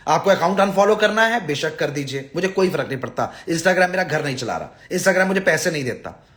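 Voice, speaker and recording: Talking to his live-stream audience, this male visa advisor and host sounds fairly high and fairly bright, with lively intonation and a fairly quick delivery. His tone is blunt and fed up as he scolds, pleads, and hammers points home through repetition.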